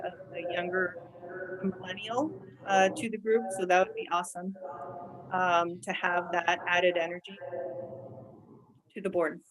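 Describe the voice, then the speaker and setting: A woman's voice: mid-range voice, slight background noise, low-quality recording. A woman giving a hesitant public comment on a video call, her connection cutting out. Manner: hesitant, many fillers, slow and even. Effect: glitchy video call connection that keeps cutting out. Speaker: public commenter at a board meeting.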